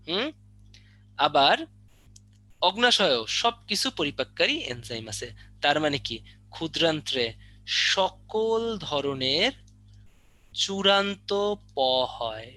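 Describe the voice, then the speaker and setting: Bright-voiced tutor with mock threats. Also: male voice, on the high side, dry recording. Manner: teasing mock threats, drilling questions. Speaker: biology tutor. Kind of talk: online exam-prep lesson.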